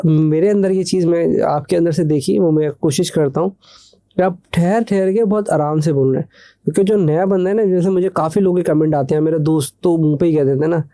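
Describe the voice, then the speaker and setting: A young man hosting a podcast, asking questions in a quick, hurried way. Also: on the high side, warm tone. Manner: talks fast, hurried. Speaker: podcast host. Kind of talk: podcast interview.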